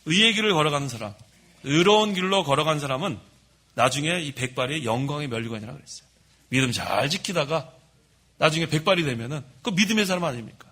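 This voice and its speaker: A middle-aged man preaching a sermon from the pulpit of a church, telling stories about himself in a lively way. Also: fairly high pitch, fast talker. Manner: lively storytelling, admits his own faults. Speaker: pastor. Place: church sanctuary.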